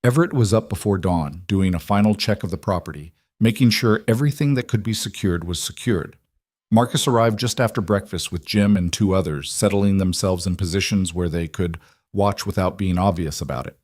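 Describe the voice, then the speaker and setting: Male narrator, low register, dry read, measured storytelling. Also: darkish tone, no echo.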